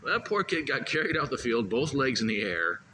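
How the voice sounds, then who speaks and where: A man's voice: medium pitch, very animated, fairly quick. A man co-hosting a casual comedy podcast, rambling and stammering through stories and laughing at his own jokes. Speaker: co-host. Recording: noisy room recording.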